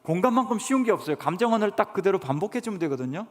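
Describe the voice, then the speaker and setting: A man's voice: sits high, big pitch swings, racing. A man giving an earnest sermon lecture to a church congregation, often putting questions to the listeners. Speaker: guest speaker professor. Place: church sanctuary. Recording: reverberant church hall.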